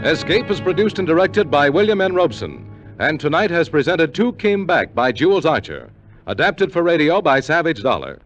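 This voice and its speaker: An American man working as a 1950s radio announcer reads scripted promotion and credits in a very animated way at normal speed. His voice is a little high and a bit bright, with soft background music, on a muffled vintage 1950 radio recording.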